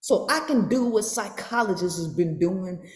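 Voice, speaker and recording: A woman hosting a podcast, giving a mocking, profane reaction commentary with emphatic, sometimes shouted lines. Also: mid-range voice, expressive, moderate pace. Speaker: podcast host. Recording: roomy echo.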